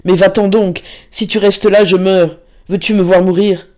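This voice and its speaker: A man's voice: sits high, level tone, moderate pace, darkish tone, voice pushed up, lightly acted. A man reading aloud and voicing a feverish, tormented young man near death in a storybook. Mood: grave. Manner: anguished, urgent.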